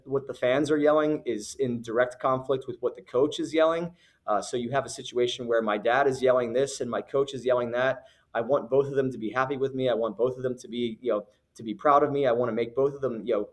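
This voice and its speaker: A man in a recorded announcement speaks to the parents in his league with a firm, earnest tone. He often starts with "uh" and "um", breaks off and begins again, and says a phrase twice for weight. His voice sits at an ordinary middle pitch for a man. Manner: earnest, firm, with frequent fillers and restarts; repeats phrases for emphasis. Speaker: youth basketball league director.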